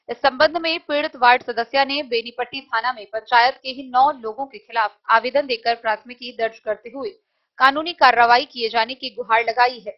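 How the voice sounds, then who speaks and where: Woman news reader, high-pitched, formal scripted delivery, dull lo-fi audio.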